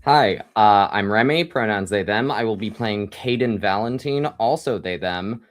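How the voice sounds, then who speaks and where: A tabletop player introducing themself on a game stream, soft-spoken and hesitant. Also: medium pitch, normal speed.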